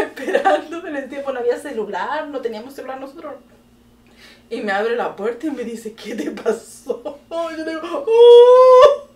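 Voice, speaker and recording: Lively, high-voiced Chilean woman storytelling. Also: recorded from a distance. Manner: animated, laughing often, exclamatory. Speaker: podcast host telling a story to her daughter. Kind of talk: casual storytelling chat. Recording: echoey room, voice from off the mic.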